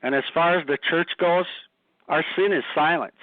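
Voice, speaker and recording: A man's voice: on the high side, moderate pace, no echo. Man, ministry co-host, blunt, fervent, dry sound, phone-like line. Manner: blunt, rising to fervent emphasis. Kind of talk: impassioned radio commentary.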